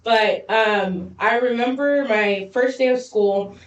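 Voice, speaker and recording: A woman from Zambia co-hosting a podcast, telling stories quickly and lively with frequent laughs. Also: on the high side, dull audio, slight background noise. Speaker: podcast co-host. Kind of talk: casual chat. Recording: roomy echo, distant mic.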